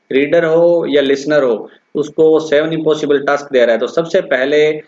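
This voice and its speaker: A male English lecturer giving an exam-prep lesson, explaining a poem and repeatedly addressing his students, slowing down to recite lines. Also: fairly high pitch. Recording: dull lo-fi recording.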